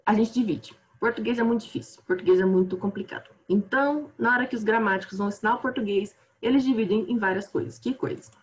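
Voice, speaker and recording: A Brazilian woman teaching an online grammar class, chatty and self-deprecating, tired, her voice often trailing off quietly. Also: a little high, fast talker, hardly any pauses.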